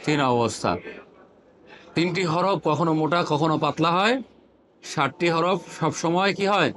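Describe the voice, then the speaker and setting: A man teaching Quran pronunciation, asking questions and answering them himself and drilling syllables slowly. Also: on the high side, fairly bright tone, a little hiss or hum.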